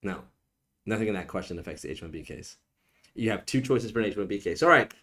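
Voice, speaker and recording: A man's voice: lowish voice, lively intonation, fast, a bit bright. A man who is an immigration attorney, answering viewer questions on a live stream in a casual, joking way. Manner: casual, joking, teasing viewers, frequent "okay?".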